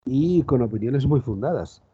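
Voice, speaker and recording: A man's voice: medium pitch, lively intonation, normal speed, a crowd in the background. A man with an accent from Spain chatting casually as a podcast co-host, hesitant and repeating words for emphasis. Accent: Spanish from Spain. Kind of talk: casual chat. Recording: slightly muffled sound.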